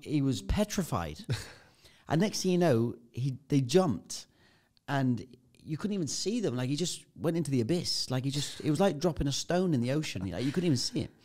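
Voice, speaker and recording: A man's voice: mid-range voice, big pitch swings, a little fast, darkish tone. A man, a podcast guest, telling a vivid anecdote in casual chat and swearing freely. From United Kingdom.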